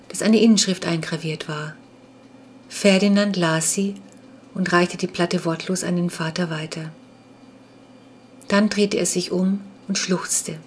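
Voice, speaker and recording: A woman narrating a children's adventure book aloud in an even, clear storytelling manner. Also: fairly low pitch, slight background noise. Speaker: audiobook narrator.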